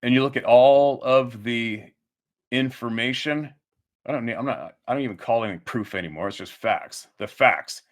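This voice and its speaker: Speaking in a mid-range voice at a moderate pace, this man rants angrily and profanely at his audience. His fury builds, and he often repeats himself and breaks off to restart his sentences.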